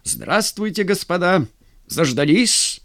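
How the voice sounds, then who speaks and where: A man doing a hurried, portly officer courier. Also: medium pitch, big pitch swings. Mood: hasty. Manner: hasty, excusing.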